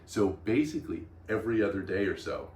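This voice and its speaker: A man's voice: sits low, animated, fairly quick, a little mellow, recorded from a distance, a little hiss or hum. A man hosting a vlog, explaining things in casual chat with an enthusiastic, emphatic manner. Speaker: vlog host. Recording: roomy echo.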